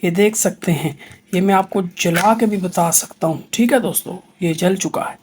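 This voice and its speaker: A man with a Pakistani accent and a husky, high voice, presenting magic in a showy kids' party magician manner. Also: normal speed, a little hiss or hum. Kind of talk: magic show patter to viewers.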